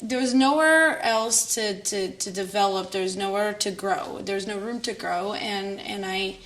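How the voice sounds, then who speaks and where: A woman's voice: mid-range voice, moderate pace, a bit bright. A woman from Israel giving a reflective interview answer.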